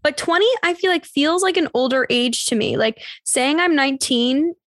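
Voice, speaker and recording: Brief: young woman, 19, podcast co-host, playful and chatty, slightly high voice, dry booth sound. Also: moderate pace, a bit bright, no echo. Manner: bubbly, joking, filler-heavy. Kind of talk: casual chat.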